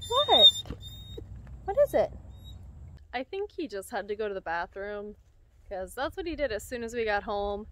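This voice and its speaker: A young woman chatting brightly to the camera from her car, her voice sitting high and sounding close and dry in the small cabin. She talks in an upbeat, easygoing way, filmed at arm's length. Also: no echo. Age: young adult. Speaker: vlogger. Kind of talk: casual chat to camera. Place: inside a parked car. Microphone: phone or camera at arm's length.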